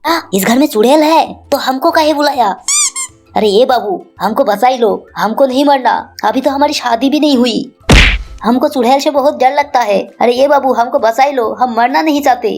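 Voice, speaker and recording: High, squeaky put-on voice for a fearful rustic cartoon genie, whiny village talk, music underneath. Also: moderate pace, a little mellow. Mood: frightened. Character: bumbling rustic male genie with a cough. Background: background music.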